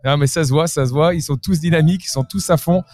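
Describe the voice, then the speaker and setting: A talkative, enthusiastic podcast host conducts a casual interview at a trade fair, with concert music faintly in the background. He speaks fast in a darkish voice on the high side, with no room sound.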